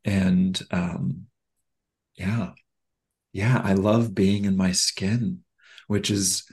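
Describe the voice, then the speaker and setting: A man in a casual podcast conversation, candid and reflective, talking haltingly with many fillers and restarts. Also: low-pitched, level tone, vocal fry, a little mellow.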